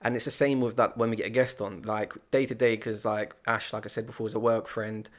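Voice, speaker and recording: A man's voice: fairly low pitch, brisk. A young man co-hosting a podcast, rambling through stories in casual chat. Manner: rambling, animated storytelling. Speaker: podcast co-host.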